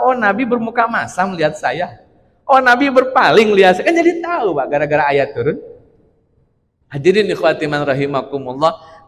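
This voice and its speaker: A man preaches in a high, bright register. His talk is chatty and full of jokes, and he turns to the congregation again and again. The voice rings on with the long reverb of a big mosque hall. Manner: chatty, joking, keeps addressing listeners as "Pak". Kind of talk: conversational religious lecture.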